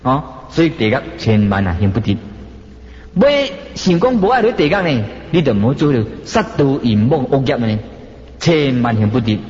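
A man's voice: mid-range voice, very animated, normal speed, darkish tone. A man preaching a Buddhist sermon in a Taiwanese Hokkien accent, with dramatic, swooping emphasis. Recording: dull echoey hall.

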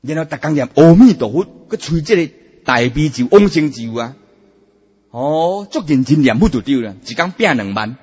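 Man, Buddhist sermon, emphatic, fairly high husky voice, long hall reverb. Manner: animated, emphatic, drawn-out particles. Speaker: Buddhist preacher. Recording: dull, echoey hall sound.

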